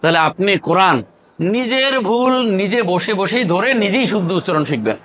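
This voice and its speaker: This high-pitched, animated voice belongs to a man from Bangladesh teaching Quran recitation. Fairly quick and a bit bright, he keeps asking questions, prompts the class to respond aloud, and drills terms by chanted repetition in call-and-response fashion.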